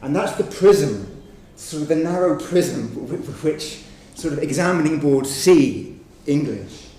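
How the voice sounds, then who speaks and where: Speaking a little slowly, this man has a fairly high, expressive, warm voice as he delivers a research talk at a conference. Patient explanations of examples come peppered with frequent "sort of" hedges. Captured in an echoey conference room from a distant mic, the audio carries faint noise.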